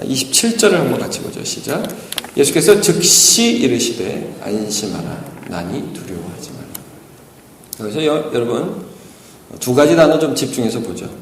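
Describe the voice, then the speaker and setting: A man's voice: medium pitch, big pitch swings, normal speed, a little hiss or hum. A man preaching a dawn service sermon, asking the congregation rhetorical questions. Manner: asks rhetorical questions, acts out quoted lines. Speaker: pastor. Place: church sanctuary. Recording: echoey church hall with long reverb.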